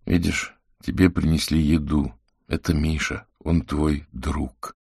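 A man voicing a calm adult sorcerer who speaks gently and patiently. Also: very deep voice, slow, vocal fry, breathy edge, dry recording, studio quality, heavily acted. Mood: soothing. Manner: soft and reassuring, drops to a hush.

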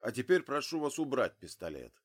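A man voicing a calm official who talks down an armed father, in an audiobook. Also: medium pitch, fairly quick. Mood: firm. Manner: calm, firm. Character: calm male official, steady negotiator.

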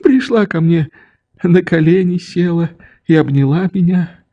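A man's voice: sits high, a little slow, lo-fi sound, voice pushed up. A man doing a pleading old father. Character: old grieving father, tender, begging forgiveness. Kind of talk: audiobook reading.

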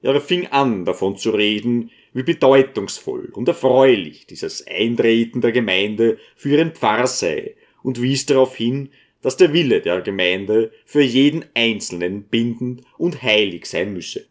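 A man narrating an audiobook in a calm, measured storytelling manner. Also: mid-range voice. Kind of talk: scripted narration.

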